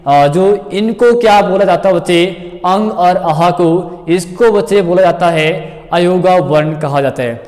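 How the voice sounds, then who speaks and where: A male coaching teacher explains grammar to exam students a fairly high voice. He repeats points, calls his students kids and checks often whether they follow. The recording has a long, lingering reverb. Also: measured pace, darkish tone.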